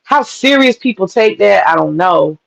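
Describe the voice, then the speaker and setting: A woman's voice: mid-range voice, normal speed, vocal fry. A woman guest on a live-stream panel, chatting casually and emphatically over a video call. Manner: emphatic, animated storytelling. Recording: dull lo-fi call audio.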